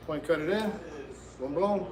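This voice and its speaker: Guy barber doing a live tutorial, slangy casual talk to chat, voice a bit on the high side. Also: measured pace, roomy sound, a crowd in the background. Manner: informal, slangy, addresses viewers directly. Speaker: barber and livestream host giving a haircut tutorial.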